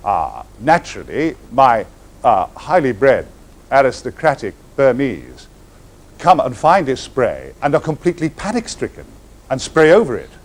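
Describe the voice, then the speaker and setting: Here a raconteur, an actor entertaining a live crowd from the stage, relates a theatrical anecdote. Expect extravagant, flowery word choices and a buoyant voice that dips and soars without warning. He milks the comedy with deliberate pauses.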